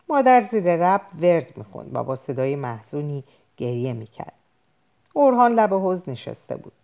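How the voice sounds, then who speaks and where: Female audiobook reader, low voice, lively expressive delivery, dramatic literary narration. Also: gravelly.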